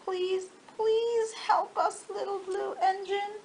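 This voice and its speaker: A woman's voice: extremely high pitch, little pitch movement, takes it slowly, background noise, voice pushed up, exaggerated voice. A woman voicing a group of small dolls and toys in a storybook, eager, plaintive and pleading. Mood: pleading, tearful.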